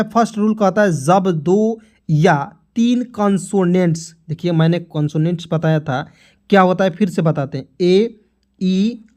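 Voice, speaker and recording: A man's voice: high voice, darkish tone. A man teaching English pronunciation rules in an online lesson, talking to viewers as friends and repeating himself often, sometimes breaking into motivational exhortation. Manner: repetitive, keeps addressing viewers as friends.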